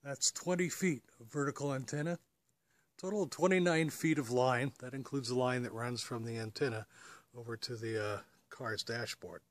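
In plain, casual terms, a medium-pitched American man walks viewers step by step through his home-built antenna at a normal speed. He hosts as a radio hobbyist from the United States, outdoors by a parked car, with background noise and outdoor ambience clearly audible.

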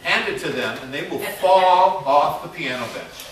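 A man's voice: a little high, expressive, normal speed, a little hiss or hum. A man teaching a music theory workshop to a class in a casual, chatty way, quizzing the students as he goes. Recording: very echoey room, mic far off.

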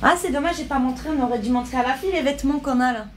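Woman, 30s, casual live-stream host, slightly high voice, phone mic, light shop noise. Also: very fast. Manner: chatty, reads out viewer questions and answers them. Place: small shop with a big front window, indoors. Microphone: phone held at arm's length.

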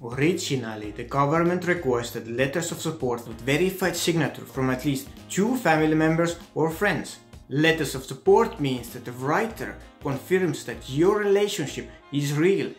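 A man's voice: fairly high pitch, animated, normal speed, hardly any pauses. A young man with an Estonian accent, giving scripted advice to camera as a video blogger. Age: young adult. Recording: music under the voice. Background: background music.

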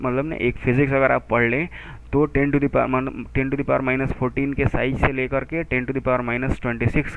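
Gravelly male physics teacher, tinny audio. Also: medium pitch. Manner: explains in chatty Hindi, reading English textbook lines slowly; halting, many fillers and restarts while working sums aloud. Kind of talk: textbook explanation lesson. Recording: tinny phone-like lo-fi recording.

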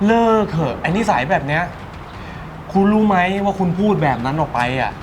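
A man playing a wealthy man disguised as a poor fruit vendor, who talks in a calm, lecturing way. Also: a little high, moderate pace, background noise, close to an everyday voice. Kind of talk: short-film drama acting. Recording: music playing underneath. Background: background music.

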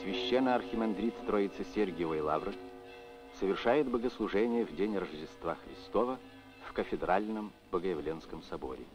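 A man giving a formal, measured voice-over in the style of a 1960s newsreel narrator. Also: low voice, animated, lo-fi sound. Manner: formal, measured announcer delivery. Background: music.

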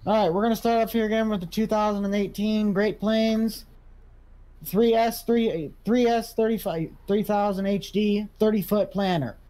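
A man's voice: high voice, fairly even intonation, moderate pace, mellow, lightly acted, low-quality recording. A man playing a farm equipment auctioneer in a casual video game role-play, calling for bids and repeating prices. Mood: matter-of-fact pitch.

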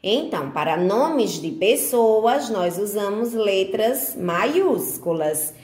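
A woman with a Brazilian Portuguese accent, teaching a remote handwriting lesson to small children, guiding each stroke slowly and patiently with diminutive words. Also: mid-range voice, lively intonation, darkish tone. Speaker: preschool teacher.

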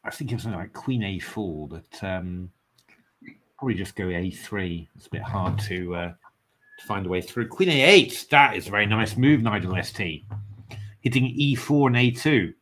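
A man's voice: fairly low pitch, moderate pace. An English man giving live commentary on online chess games, thinking aloud with lots of fillers and bursts of cheering. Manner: excitable cheering, then musing with many fillers.

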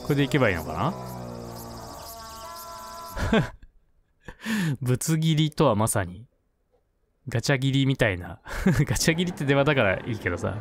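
A man's voice: mid-range voice, sing-song, quick pace. A man giving casual let's play commentary, chatty with laughing asides. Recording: game music in background.

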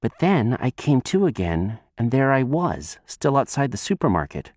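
A man's voice: medium pitch, big pitch swings, moderate pace, a little mellow, no echo. A man voicing a frightened young boy who has just died, pleading and close to tears. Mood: bewildered. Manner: breathless, pleading, near tears. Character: frightened tearful young boy, recently dead.

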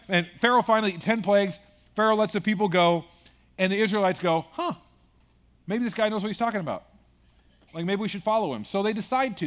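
A man's voice: high-pitched, fairly bright tone. A man pastor preaching a sermon in a conversational way, with joking asides.

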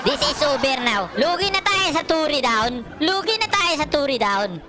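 Rowdy high-voiced woman streamer. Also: big pitch swings, moderate pace, a crowd in the background. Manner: loud, laughing, swearing, teasing. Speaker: game streamer. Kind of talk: excited gameplay commentary. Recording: loud game music behind. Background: loud game music.

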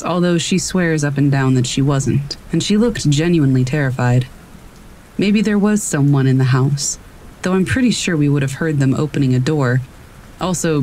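A narrator reads scary stories in a steady, measured way, the pitch sitting right in the middle. Faint rain patters behind the voice throughout. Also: a little hiss or hum, rough recording. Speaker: narrator reading horror stories. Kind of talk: scripted storytelling narration.

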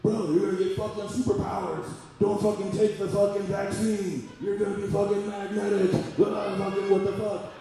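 A rowdy male stand-up comic works the crowd with a profane set, his voice pitched a little high. It comes from a very echoey room, picked up from some distance, with clear room noise behind him. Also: darkish tone. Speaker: stand-up comedian. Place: comedy club stage before a live audience. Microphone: handheld stage mic.

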